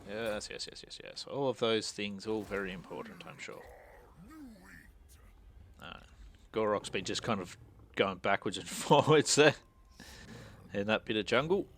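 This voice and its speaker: A man's voice: fairly low pitch, measured pace, long pauses, fairly bright tone, slight background noise. A man streaming a strategy game, thinking aloud and muttering casual commentary as he plays.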